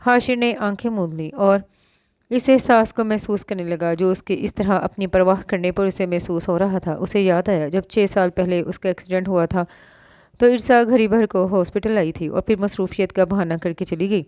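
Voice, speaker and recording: A woman narrating a romance novel aloud with steady storytelling. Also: mid-range voice, smooth, dry recording, studio quality.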